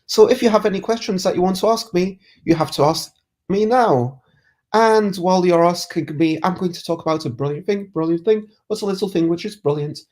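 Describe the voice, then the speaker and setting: A streamer hosting a chat show, stuffy with a cold, rambles casually, muses aloud and reads out viewer comments. The voice is medium-pitched, fairly quick and a little mellow, and the manner is easygoing, often cutting itself off mid-thought.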